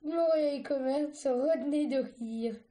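Slow halting woman reading a story. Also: sits high, mellow. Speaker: reader.

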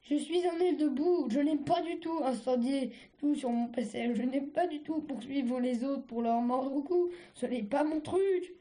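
Lady reading a shy clumsy young mud dragon boy, hesitant and pleading, high voice. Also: moderate pace, few pauses, dark tone, natural voice. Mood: timid. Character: gentle timid young male mud dragon, clumsy and peaceful.

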